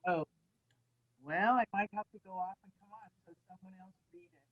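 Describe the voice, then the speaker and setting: A woman school board trustee on a video call, her voice muffled and echoing as if she were in a tunnel, talking quickly and flustered. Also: mid-range voice. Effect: muffled, echoing, tunnel-like sound over a bad call connection. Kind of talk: video meeting talk. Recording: thin phone-like call audio with faint noise.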